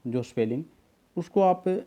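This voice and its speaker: A male tutor who speaks very slowly, in a mellow, dark tone. He explains each word patiently, repeats it, and spells it out one letter at a time. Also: fairly high pitch, expressive. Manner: addresses students as beta. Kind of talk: slow spelling lesson.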